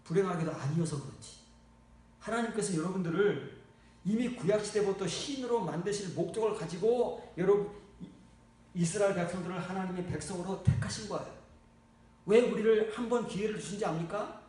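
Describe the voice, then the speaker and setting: A man preaching a sermon as pastor, blunt and scolding, swinging from low murmurs to loud exclaims. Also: brisk. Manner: lively, shifts from low muttering to loud exclaiming. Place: church. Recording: echoey church hall, mic far off.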